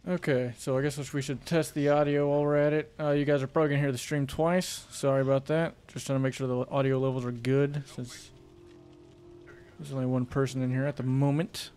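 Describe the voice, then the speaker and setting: A man's voice: mid-range voice, flat delivery, a little fast, darkish tone, slight background noise. A man hosting a casual gaming livestream, chatting with a friend and joking around while setting up. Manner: joking, self-deprecating banter. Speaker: streamer.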